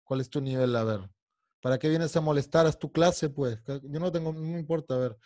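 A man's voice: fairly high pitch, brisk, darkish tone, dry recording, clean studio sound. Man teaching English over Spanish. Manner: explains in Spanish, sings and drills English lyrics; irritated, scolding a heckler. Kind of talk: online English class.

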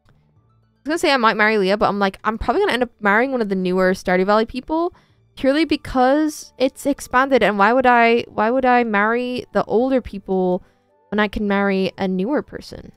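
A young woman streaming a farming game, excitable and gushing, chatting to her viewers. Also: fairly high pitch, fairly quick, smooth, no room sound, faint music behind. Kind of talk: casual gaming commentary.

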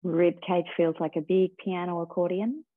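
A woman teacher slowly guiding a breathing and body-awareness meditation in a calm, soothing way. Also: lowish voice, no room sound. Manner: slow, calm, soothing guidance. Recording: tinny phone-like sound.

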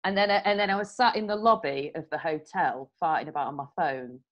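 A woman's voice: deep voice, a little fast. A woman hosting a podcast interview, chatting casually and telling stories with frequent laughs. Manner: chatty, storytelling, laughs often. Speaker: podcast host. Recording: slightly dull lo-fi sound.

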